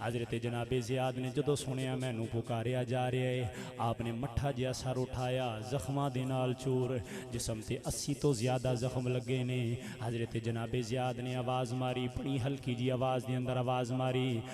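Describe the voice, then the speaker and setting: A man preaching with a Punjabi accent at a wedding gathering, telling an impassioned story and swinging from a soft murmur to loud, chanting delivery. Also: medium pitch, level tone, normal speed, a crowd in the background. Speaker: Islamic preacher.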